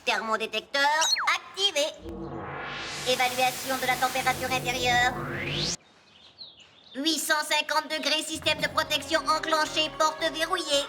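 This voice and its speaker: A woman's voice: high voice, flat delivery, unhurried, long pauses. A woman playing a precise, literal-minded cartoon detector gadget that speaks in clipped, procedural announcements. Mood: matter-of-fact. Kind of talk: animated children's show acting. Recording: music behind the voice.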